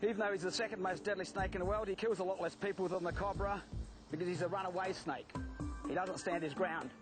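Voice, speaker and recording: A man's voice: high voice, fairly even intonation, quick pace, over music. A man with an Australian accent presenting wildlife informally to camera, in a colloquial showman's manner. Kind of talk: informal presenting to camera while handling snakes.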